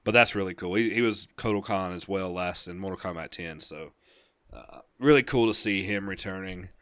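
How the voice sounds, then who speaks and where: A young man co-hosts a casual gaming podcast in a lowish voice. He rambles enthusiastically through the news with easy laughs. The sound is close and dry. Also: normal speed, fairly bright tone, clean tone, dry recording. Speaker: podcast co-host.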